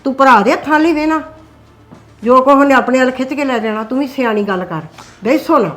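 An older, widowed mother, acted by a woman, softly pleading with her sons to stay together in this web drama. Her voice sits a little high for a woman. She talks in a gentle, motherly way. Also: fairly quick, soft background music. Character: widowed mother on pension, peacemaking, counsels sons. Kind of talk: scripted web drama acting.

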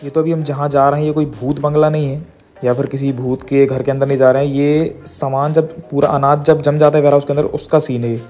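This daily vlog features a young man talking into a phone camera held at arm's length, rambling casually to his audience. His voice sits on the high side, with a level, slightly mellow tone and a brisk pace, and soft music plays in the background.

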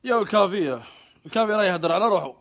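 A man's voice: high voice, expressive, very fast, creaky, fairly bright tone. A man with an Algerian Arabic accent hosting a casual live question-and-answer stream. He mixes in French words, answers offhandedly and gets heated when he vents.

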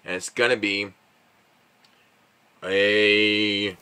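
A man's voice: lowish voice, little pitch movement, extremely slow, pushed and bright, a little hiss or hum. A man vlogging at home, tasting and reviewing candy in a rambling, casual way, full of fillers, sometimes talking while chewing. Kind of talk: casual chat. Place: at home with his dog.

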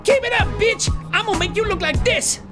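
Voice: very high voice, brisk, over loud music. An actor voicing a cocky, hot-tempered male pop star sock puppet in a goofy cartoon delivery for a parody sketch. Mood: angry, bratty.

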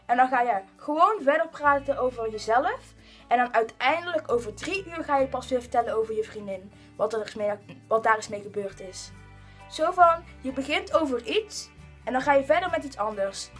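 A woman's voice: high voice, normal speed, soft background music. Teenage girl ranting animatedly. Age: teens. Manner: animated, mocking, acts out quoted people. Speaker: vlogger. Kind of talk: casual ranting vlog.

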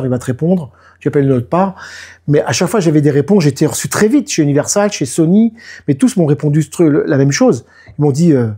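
Man in his 50s telling stories in an interview, kinda husky, acts out quotes. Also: fairly high pitch. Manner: lively storytelling, often acts out what people said. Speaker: musician and producer, guest. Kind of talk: casual interview talk.

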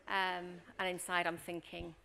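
With a lowish, creaky voice and a slightly slow delivery, a middle-aged woman leads a workshop as a leadership coach and trainer. She's a lively storyteller who acts out scenes and keeps checking in with "Okay?", and there's slight background noise.

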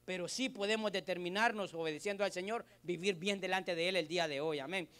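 A man, a pastor preaching a sermon to his congregation, asking them questions and swinging between loud and soft delivery. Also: sits high, a little fast, clear, resonant tone. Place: church service.

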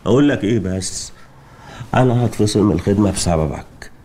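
An actor playing a young, worried nephew and junior officer with an Egyptian accent, pleading and exasperated. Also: male voice, on the low side, lively intonation, fairly quick, mellow. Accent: Egyptian Arabic.

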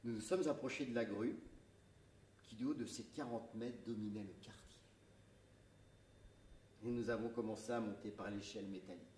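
A man giving a public reading of a story on a theatre stage, in a measured, dramatic storytelling manner. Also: on the low side, steady tone, darkish tone, slight background noise. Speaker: reader. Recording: echoey theatre from far off.

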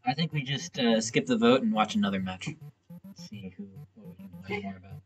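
A man's voice: fairly low pitch, animated, brisk, faint music behind. A man giving laid-back, dry color commentary on a fighting game match, with many short agreements. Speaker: esports co-commentator.

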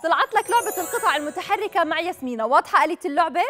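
High-pitched, fast-talking Jordanian woman game show host. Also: expressive, a bit bright. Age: young adult. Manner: upbeat congratulatory announcing. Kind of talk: live phone-in game show presenting. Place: TV studio. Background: background music.

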